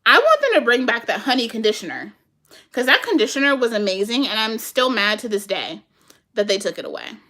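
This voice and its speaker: A woman chatting casually with her viewers and answering their comments, animated and laughing often, talking to them as "y'all". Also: a little high, a little fast.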